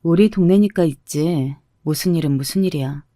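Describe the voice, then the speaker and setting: Woman playing blunt woman near forty, curt cutting retorts, lowish voice, dry sound. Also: moderate pace, warm tone, no echo, natural voice. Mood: scornful.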